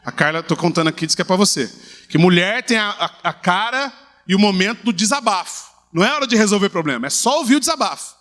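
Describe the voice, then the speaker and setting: A middle-aged man preaching a sermon in a lively, humorous way, acting out little scenes. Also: high voice, quick pace. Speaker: pastor.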